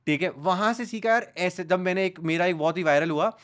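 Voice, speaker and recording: A young man, a guest on a podcast, telling animated stories in a casual chat and mixing English phrases into his talk. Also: high-pitched, fairly quick, clear, resonant tone. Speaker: news content creator, guest.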